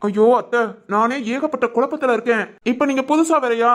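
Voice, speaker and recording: A man's voice: very high-pitched, fairly quick, a bit bright. A man voicing a confused, easygoing young man in a comedy cartoon, bantering and brushing off his aunt. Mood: flustered.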